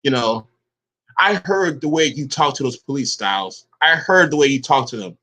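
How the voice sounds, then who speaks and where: His voice is mid-range and sharp, with lively intonation and a normal speed, as this online commentator goes off in an angry vlog. Profane and combative, he keeps throwing "bro" at rivals and says he never changes his voice for anyone.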